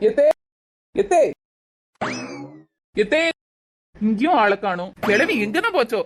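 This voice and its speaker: A woman playing a brisk, sarcastic young daughter-in-law in a village comedy sketch. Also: on the high side, sing-song. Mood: bossy.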